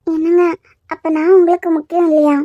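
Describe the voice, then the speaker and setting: A woman's voice: very high-pitched, little pitch movement, a little fast, dark tone, dry recording, muffled recording, pitched above the performer's own voice. Woman doing a whiny young cartoon wife. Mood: pleading. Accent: Kanyakumari Tamil. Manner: whiny, pleading. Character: clingy young wife, pleading and needy. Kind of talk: cartoon web series voice acting.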